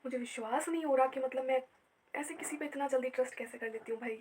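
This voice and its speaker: A woman's voice: high-pitched, quick pace, a little mellow, a little hiss or hum. A young woman vlogging to camera, tired and upset after a sleepless night, telling the story chattily with many fillers. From India. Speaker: family vlogger. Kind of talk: casual vlog storytelling to camera.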